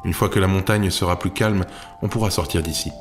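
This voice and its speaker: A man's voice: deep voice, steady tone, brisk, faint music behind, close to an everyday voice. A man voicing a carefree young woman archer who talks in a blunt, casual way.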